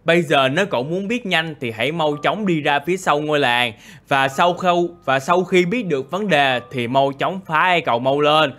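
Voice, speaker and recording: A man's voice: on the high side, normal speed, fairly bright tone, lightly acted. A man playing a scolding angry villager. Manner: scolding, bossy. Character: angry gossipy male game villager.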